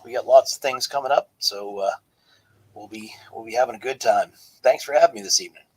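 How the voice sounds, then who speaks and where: A man in his forties, a teacher, chatting in a relaxed way as a guest on a live stream. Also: mid-range voice, a little fast, husky, poor audio. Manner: relaxed, with filler words. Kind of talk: casual live stream chat.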